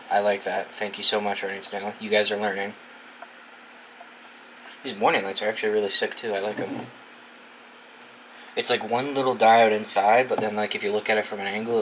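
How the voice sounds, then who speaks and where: This young American video host, from New England, works through a gadget's setup in his dorm room, cursing freely and musing out loud in a loose, unboxing-style commentary. His voice is fairly low yet fairly bright in tone. The recording is rough, with noticeable noise behind him.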